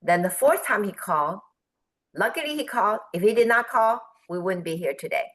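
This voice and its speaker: A woman guest on a business forum tells an animated business story over a video call, speaking a little fast at medium pitch. Her quotes come out in raised voices between laughs, and the recording quality is low.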